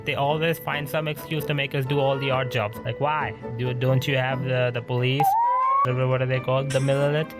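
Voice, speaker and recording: A young adult man grumbles wryly as he casually comments on his own game playthrough. His mid-range voice is flat and fairly quick, with game music playing behind it.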